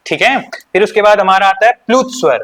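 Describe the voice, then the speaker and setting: A man teaching an exam-prep class with an Uttarakhand accent, his voice pitched a little high. He keeps asking his students questions and then answering them himself. Key points get repeated as he moves through the lesson. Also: expressive, a little fast, a bit bright. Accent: Uttarakhand Hindi.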